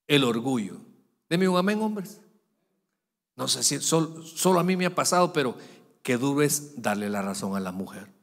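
Animated pastor in a reverberant hall. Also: male voice, mid-range voice, normal speed. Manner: animated preaching, voice swinging from loud peaks to quiet asides. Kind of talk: sermon. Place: large church sanctuary. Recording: long church-hall reverb.

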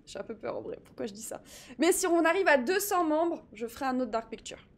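A woman streaming live, chatting excitedly with her viewers while fixing her setup. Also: high voice, brisk. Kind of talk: live gaming stream chat.

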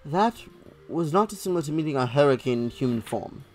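A woman voicing a calm, dry female fairy in a game, with a measured, deadpan manner. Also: low voice, faint music behind.

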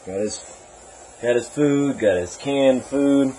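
At home indoors, a young man chats casually on his vlog, talking to the camera and to his dog, whom he teases while making fun of himself as he rambles. His mid-range voice is warm and slow, with slight background noise.

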